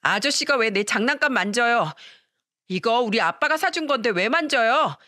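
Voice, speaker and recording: A woman voicing a jealous five-year-old boy who whines and shouts in a shrill child's voice. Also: animated, moderate pace, no room sound, clean studio sound. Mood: shrill whining.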